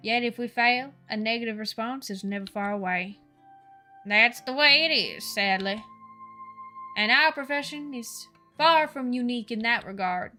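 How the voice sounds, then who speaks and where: A woman voicing a gruff senior male doctor in a put-on Texas accent, lecturing slowly and sternly. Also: on the high side, sharp tone, soft background music.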